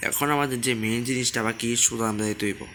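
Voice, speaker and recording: Fast-talking gamer guy, quiet voice. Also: medium pitch, fairly even intonation, slight background noise. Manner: chatty, repetitive, keeps asking viewers to subscribe; talks softly on purpose. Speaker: gaming channel host. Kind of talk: casual gameplay commentary.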